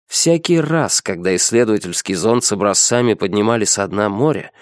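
A man reading a science fiction story as a steady audiobook narrator. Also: mid-range voice, dry recording, clean studio sound. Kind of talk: scripted narration.

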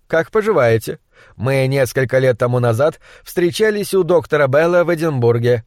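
A man with a mid-range, expressive voice speaks at a normal pace in a clean studio recording with no room sound, sounding close to an everyday voice. He's voicing a genial, friendly writer with an affable manner.

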